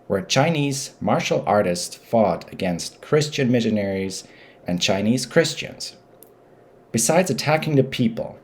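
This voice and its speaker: A man with a German accent hosting a history channel, narrating history in a careful, measured way. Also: on the low side, a little mellow.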